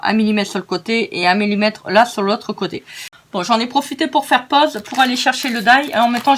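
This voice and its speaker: A woman's voice: medium pitch, a bit bright, a little hiss or hum. Tired, chatty northern French woman crafter. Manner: chatty, rambling, many hesitations, laughs at herself. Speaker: crafting tutorial host. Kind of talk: casual step-by-step craft tutorial.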